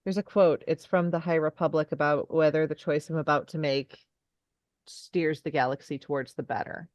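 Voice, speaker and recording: A woman's voice: sits low, steady tone, moderate pace, a little mellow, no echo, clean studio sound. A woman talking as a podcast guest in a casual chat, enthusiastic and rambling in long trailing asides.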